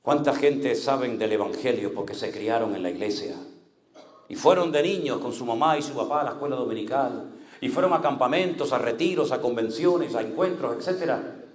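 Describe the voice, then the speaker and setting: A male pastor with a Canary Islands Spanish accent, preaching a sermon with dramatic swings between loud cries and hushed low tones. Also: expressive, fairly quick, echoey room.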